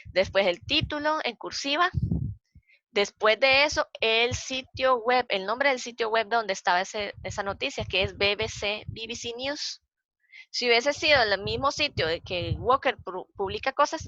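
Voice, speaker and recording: A woman's voice: medium pitch, pushed and bright, no room sound. A woman with a Costa Rican accent, a librarian explaining slides in a training session, patient and repeating her points. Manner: patient, repeats points, counts aloud slowly. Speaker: librarian giving a citation workshop. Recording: dull, dry lo-fi sound.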